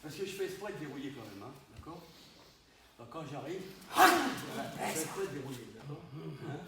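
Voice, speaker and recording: A karate instructor demonstrating moves to his students with a rather high voice, punctuating every point with an exclamation. He sounds far from the camera. The big training hall echoes heavily around him. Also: fairly quick, background noise. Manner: animated, punctuates with "hein?" and sudden exclamations. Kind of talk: live dojo teaching demonstration. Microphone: distant camera mic.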